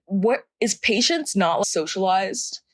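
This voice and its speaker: A young woman co-hosting a podcast rants about things she hates, heated, profane and casual, laughing at her own story as she chats. Her medium-pitched voice is expressive and unhurried, and the recording is dry.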